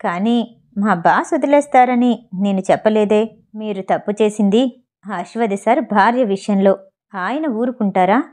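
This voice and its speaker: A woman's voice: medium pitch, unhurried, a little mellow, close to an everyday voice. A woman reading the lines of a smug, cold male assistant on the phone.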